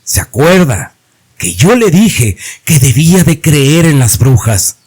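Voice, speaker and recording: A blunt, fearful young hunter's apprentice, as a male narrator puts him on. He gives slow, ominous warnings. His voice sits fairly high and his pitch swings widely. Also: big pitch swings, a little mellow, slightly rough, full character voice.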